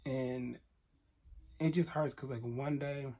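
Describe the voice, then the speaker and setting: A man's voice: medium pitch, steady tone, takes it slowly, warm tone. A man vlogger telling an emotional storytime to camera, candid and earnest, talking straight to his viewers.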